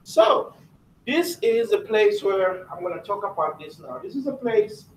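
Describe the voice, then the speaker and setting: A man with a South African accent speaking to schoolchildren in a classroom, asking them questions and pausing on fillers. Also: sits high, expressive. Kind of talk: classroom talk. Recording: roomy, distant classroom recording with faint noise.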